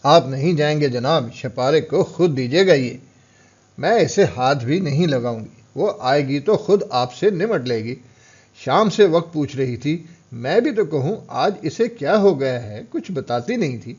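A man voicing a scheming, coaxing female courtesan hostess in an audiobook, speaking loudly and pleadingly. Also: fairly high pitch, animated, breathy edge, muffled recording.

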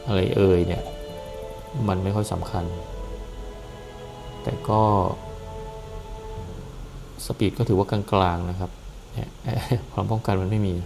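A man casually explaining a game's character class and skills, relaxed and hesitant, with frequent pauses and fillers. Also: low-pitched, vocal fry, over music, low-quality recording. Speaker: gameplay commentator. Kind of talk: casual game walkthrough.

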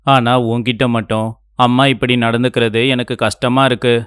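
Man voicing a gentle, earnest young husband. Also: medium pitch, little pitch movement, moderate pace, clear, resonant tone, dry recording, studio quality, lightly acted. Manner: earnest, pleading. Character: kind young husband defending his wife. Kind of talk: cartoon voice acting.

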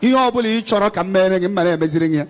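Soft music plays behind a Nigerian evangelist in his thirties whose high-pitched voice races as he exhorts a large outdoor crowd. Preaching from a rally stage into a handheld mic, he mixes Igbo with English.

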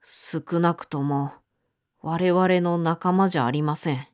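A woman's voice: low-pitched, steady tone, moderate pace, natural voice. A woman reading the lines of a solemn male doctor in a storybook. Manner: grave, solemn.

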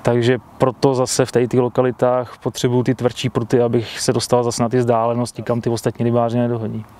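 A man in his thirties, an angler, sits at a fishing bivvy by a lake and answers an outdoor interview into a clip-on mic in a plain, matter-of-fact way. His mid-range voice is warm but completely flat in delivery.

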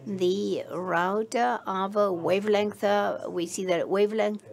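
A woman giving a simultaneous interpretation of a conference keynote, halting and filling pauses with many hesitation sounds. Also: medium pitch, fairly even intonation, vocal fry, a little mellow.

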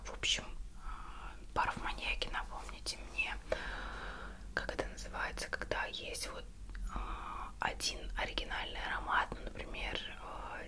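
A woman in her twenties speaking in a soft breathy ASMR whisper, rambling and self-ironic as she chats through a product review, often searching for words. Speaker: ASMR beauty vlogger. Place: small bedroom at home, indoors.

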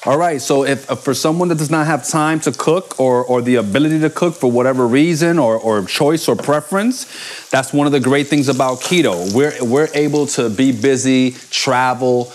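A man's voice: mid-range voice, moderate pace, slight background noise. A man in his forties co-hosting a live cooking show from a home kitchen, chatty and upbeat as he cooks and answers questions. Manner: upbeat, chatty, calls his partner baby.

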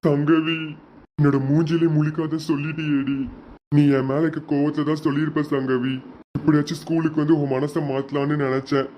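A man's voice: on the high side, flat delivery, natural voice. A man playing a brooding lovesick schoolboy. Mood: despairing. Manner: slow, brooding self-talk. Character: remorseful teenage schoolboy Karthik, lovesick. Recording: lo-fi with faint noise.

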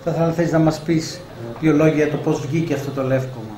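A man interviewing a publisher at a bookshop event, asking measured questions with hesitations. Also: on the high side, steady tone. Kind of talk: moderating a live book event. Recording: echoey room, faint background noise.

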